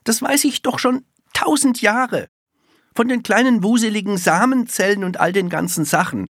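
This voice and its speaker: A storybook reader voicing a stubborn, earnest little girl in first grade, high and lively. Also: normal speed, dry recording, clean studio sound. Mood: insistent. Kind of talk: storybook reading.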